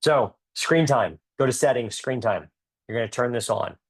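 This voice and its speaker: A dentist giving an energetic, joking motivational talk with emphatic delivery. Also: male voice, mid-range voice, normal speed, husky. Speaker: dentist and speaker.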